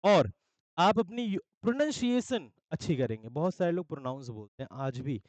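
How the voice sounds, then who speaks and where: A young man from India, an English teacher with an Indian accent, promoting his course batches in an energetic sales pitch, often checking in with listeners. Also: moderate pace, no echo, low-quality recording. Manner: mixes Hindi with English phrases. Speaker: English teacher for exam aspirants.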